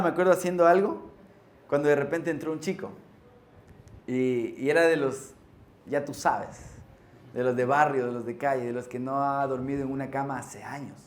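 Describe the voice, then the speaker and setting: A man's voice: fairly high pitch, slight background noise. A male pastor, preaching and telling stories with joking asides. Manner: animated storytelling with joking asides. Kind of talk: sermon. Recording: echoey room with faint ambience.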